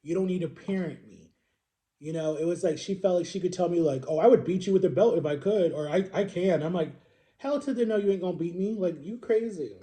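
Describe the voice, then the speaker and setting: A man in his thirties vlogs personal stories in a casual, chatty way, rambling and correcting himself with emphatic repetition. His voice is high, brisk and dark in tone.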